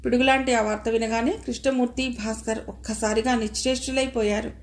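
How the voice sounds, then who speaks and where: Higher-voiced woman reading a novel aloud. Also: steady tone, quick pace. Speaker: audiobook narrator. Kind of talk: scripted novel narration with character dialogue.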